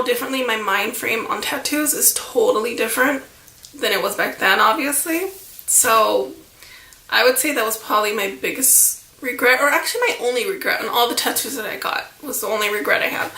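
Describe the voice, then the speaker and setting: A vlogger in her thirties tells a rambling, casual story packed with "like" and "you know." Her voice is high and bright but turns gravelly at the ends of phrases, and it sounds stuffy from a cold that hasn't cleared. The room she's in is echoey.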